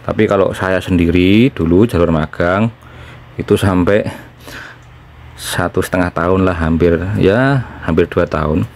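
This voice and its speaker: A man from Indonesia explaining things in a casual chat as he eats, with pauses between phrases. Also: sits low, darkish tone, a little hiss or hum. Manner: talking while eating, with pauses. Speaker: vlogger, former trainee in Japan.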